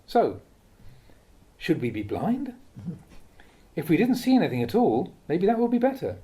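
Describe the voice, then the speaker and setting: A monk-like man reads a Buddhist dharma talk aloud in a soft, mellow voice at a medium pitch. His delivery is measured and contemplative, though his pitch swings hugely as he poses rhetorical questions.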